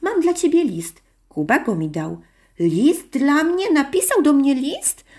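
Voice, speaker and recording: A woman's voice: medium pitch, big pitch swings, normal speed, darkish tone, slightly rough, exaggerated voice. A woman voicing a small boy who cannot pronounce the letter R, chattering earnestly. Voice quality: lisping, mispronounces R.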